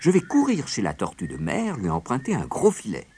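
A man's voice: medium pitch, brisk, breathy edge, voice pushed up. A man voicing a sly trickster rabbit. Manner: cheeky, teasing, excitable. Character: sly mischievous little male rabbit trickster.

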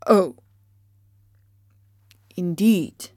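A woman voicing a kind, courteous male tin man who speaks slowly and earnestly. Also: lowish voice, darkish tone, no room sound, clean studio sound. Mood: polite.

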